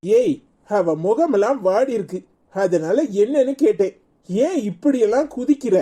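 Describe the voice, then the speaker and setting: A woman's voice: fairly high pitch, expressive, a little slow, warm tone. A woman voicing a weary, exasperated husband in a cartoon, scolding and fed up, with a Tirunelveli Tamil accent.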